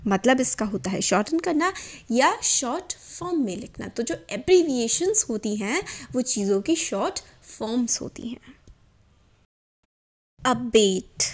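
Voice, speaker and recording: A woman teaching English vocabulary, giving meanings and usage and spelling out words slowly for correct pronunciation. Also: a little high. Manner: stretches out English example sentences slowly and carefully.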